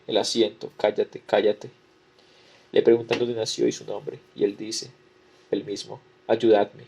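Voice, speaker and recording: Gravelly low-voiced man reading aloud. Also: a little mellow. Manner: measured, repeating the same formula. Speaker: lecturer. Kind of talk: reading a historical record aloud.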